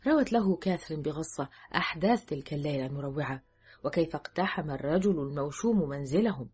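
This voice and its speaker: A woman narrating an audiobook in a measured, steady storytelling manner. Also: low-pitched, husky.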